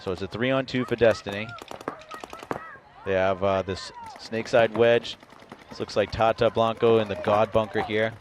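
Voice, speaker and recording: A man commenting live on a paintball match, calmly recapping plays and naming players. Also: fairly low pitch, normal speed. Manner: calm, analytical, recaps plays. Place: outdoors at a paintball field. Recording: noisy outdoor event.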